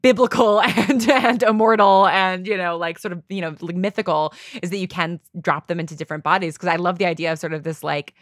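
In a clean studio recording without room sound, a woman who writes audio drama talks through her thoughts during a casual interview, wandering and leaning on "like" and "you know." Her voice sits on the low side, steady, fairly quick, with few pauses.

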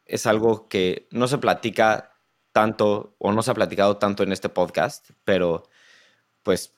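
A man, a podcast host asking questions in an unhurried, hesitant way. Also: on the low side. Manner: hesitant, thinking aloud. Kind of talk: interview questions.

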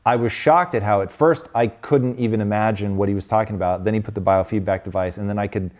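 A man's voice: lowish voice, fast, darkish tone. A man hosting an interview, asking curious questions and telling his own story in a casual way. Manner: curious, casual, uses fillers like "like" and "um". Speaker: podcast host. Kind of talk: interview conversation.

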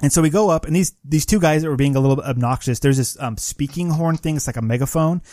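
Animated storytelling man, dry mic. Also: a little high, fast, no echo. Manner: animated storyteller acting out quoted players. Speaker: podcast co-host. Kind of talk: casual gaming chat.

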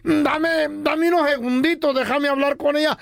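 A woman voicing a meddling older mother-in-law who teases and scolds in a drawl, over loud music. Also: high-pitched, steady tone, over a noisy crowd. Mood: pleading. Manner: teasing, drawling, quick to scold.

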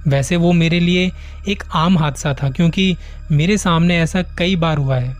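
Man narrating a horror tale over music. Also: a little high. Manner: slow, suspenseful retelling in first person. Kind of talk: scripted storytelling narration.

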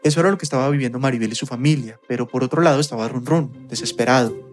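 A man narrating a scripted documentary podcast in a measured, storytelling delivery. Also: medium pitch. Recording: faint music bed.

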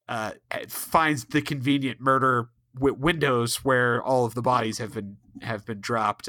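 Male co-host, bright forward tone, dry mic, deadpan sarcasm. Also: mid-range voice, no room sound. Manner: wry, sarcastic, deadpan asides. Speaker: podcast co-host. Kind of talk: casual chat recapping a TV episode.

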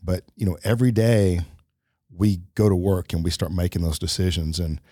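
A man's voice: deep voice, fairly even intonation, normal speed, warm tone, husky, dry recording, studio quality. A middle-aged man talking reflectively in a casual podcast conversation, with many fillers and restarts. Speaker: podcast co-host.

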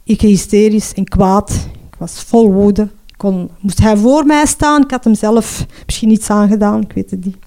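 A middle-aged Flemish woman giving a personal testimony in an earnest, halting way, often ending with a questioning tag. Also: mid-range voice, dark tone. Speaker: mother telling her story.

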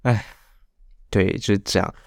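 A man's voice: fairly low pitch, fairly even intonation, a little slow, vocal fry, no echo, clean studio sound. A man with a Taiwanese Mandarin accent hosting a podcast, telling a personal story in a candid, rambling way. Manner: candid, confessional, rambling with many restarts. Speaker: podcast host.

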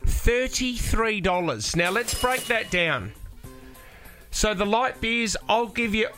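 A man's voice: high voice, animated, takes it slowly, pushed and bright, soft background music. An Australian man hosting casual talkback radio, telling stories with indignant disbelief. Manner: indignant, incredulous storytelling. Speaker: radio host.

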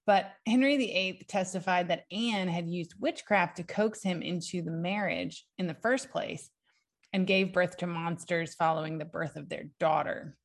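Young woman, podcast co-host, excitable storyteller, lowish voice. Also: moderate pace. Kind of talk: casual chat, reading history notes.

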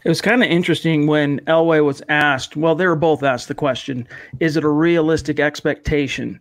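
A man hosting a casual sports podcast, his mouth numb from the dentist so his words are not fully crisp. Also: a little high, fairly even intonation, normal speed, no echo. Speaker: podcast host.

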